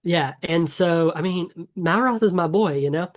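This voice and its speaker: A man's voice: fairly high pitch, normal speed. A man co-hosting a casual gaming podcast, talking in an enthusiastic, rambling way with many fillers and restarts. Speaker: podcast co-host.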